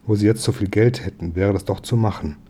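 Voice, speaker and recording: Bustling neighbor lady, eager and gossipy, voiced by a male reader; dark, husky. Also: on the low side. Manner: bustling, gossipy, quick to reassure. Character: chatty eager neighbor woman, a baker's wife.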